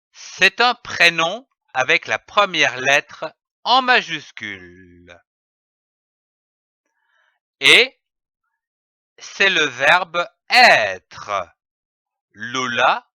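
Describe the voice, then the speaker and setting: A man teaching children to read, slowly sounding out letters and syllables in a phonics lesson. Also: fairly high pitch, sharp tone, no echo, clean studio sound. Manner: slow, carefully spelled-out syllables. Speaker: reading teacher.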